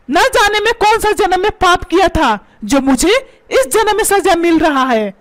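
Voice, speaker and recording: A woman's voice: very high-pitched, full character voice. A woman voicing a short-tempered middle-aged father in a cartoon, scolding and repeating insults. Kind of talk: Hindi cartoon voice acting. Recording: loud background music.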